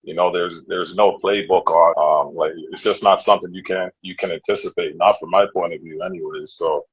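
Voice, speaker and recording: A deep, very husky man from Nova Scotia talks through a candid interview, earnest and reflective, circling back over his words as he thinks. His voice comes through a dull, dry, lo-fi remote call. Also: steady tone, fairly quick. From Nova Scotia, Canada. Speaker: guest.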